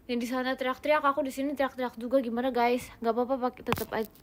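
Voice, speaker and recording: Young woman, high-pitched, casual livestream chat, phone mic, indoor room. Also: fairly even intonation, very fast, a little hiss or hum. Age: young adult. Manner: bubbly and giggly, often thanking fans. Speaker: idol livestreamer. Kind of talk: casual livestream chat, reading fan comments.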